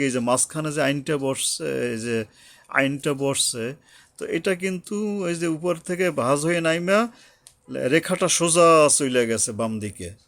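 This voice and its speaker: Man, tajweed teacher, very slow deliberate pace, patient, repetitive explanations. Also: fairly high pitch, a bit bright, no room sound. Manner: patient, explanatory, repeats points and breaks into chanted recitation. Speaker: Quran recitation teacher.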